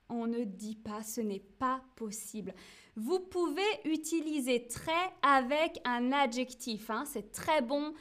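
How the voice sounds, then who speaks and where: A woman teaching French on a live stream, speaking slowly and clearly, checking in often and reading viewers' chat messages aloud. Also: high-pitched, fairly bright tone. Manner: slow, clear, patient teaching with frequent checks. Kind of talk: live-streamed language lesson.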